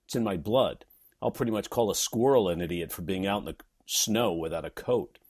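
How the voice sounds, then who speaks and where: A man's voice: low-pitched, a little fast, a little mellow, breathy edge. A man from New York reading his own blog post aloud, sarcastic and wisecracking as he pokes fun at someone. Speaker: comedy writer and teacher.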